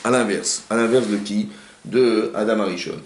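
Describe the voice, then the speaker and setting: A man who is a rabbi giving an informal Torah class in a private home, talking quickly and firing rhetorical questions at his listeners. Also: fairly low pitch, slight background noise. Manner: rapid, animated, asks the audience rhetorical questions. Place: living room of a private home. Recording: roomy home recording.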